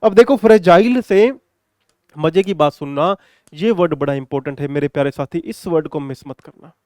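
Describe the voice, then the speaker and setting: A man teaching an exam-prep vocabulary lesson in a chatty, repetitive way, warmly addressing his students and mixing in English phrases. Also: fairly high pitch, normal speed, no room sound, clean studio sound.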